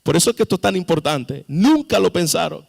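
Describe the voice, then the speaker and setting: A man's voice: a little high, lively intonation, fairly quick, vocal fry. A man preaching a sermon as pastor, with sudden emphatic rises and questions to the congregation. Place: church sanctuary. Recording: long reverb of a church hall.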